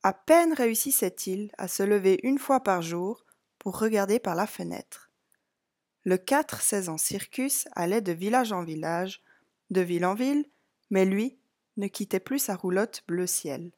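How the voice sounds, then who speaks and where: A woman reading a picture book aloud to children, slow and clear, speaking directly to the young listener. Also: mid-range voice, lively intonation, a little mellow. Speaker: storybook reader. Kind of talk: read-aloud story for children.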